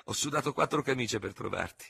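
A man's voice: mid-range voice, animated, fast, vocal fry, sharp tone, slightly rough, pitched above the performer's own voice, exaggerated voice. A man voicing a cool-headed young staff officer who answers with controlled scorn. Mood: teasing. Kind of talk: audiobook character reading.

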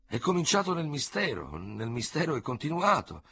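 A man's voice: on the high side, huge pitch swings, normal speed, creaky, fairly bright tone, breathy edge, dry recording, clean studio sound, voice pushed up, full character voice. A man voicing a musing old veteran soldier. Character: older male veteran chasseur, puzzled.

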